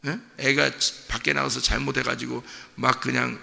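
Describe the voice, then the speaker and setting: Gravelly, forceful male pastor preaching. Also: mid-range voice, little pitch movement, moderate pace. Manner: conversational preaching with many rhetorical questions to the congregation; acts out a parent's voice in quotes. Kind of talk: sermon. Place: church sanctuary. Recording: long reverb of a church hall.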